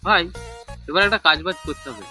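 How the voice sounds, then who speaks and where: A man's voice: a little high, animated, fairly quick, pushed and bright, faint music behind. A young man playing a lazy, boastful jobless friend in a comedy sketch, whiny and swearing.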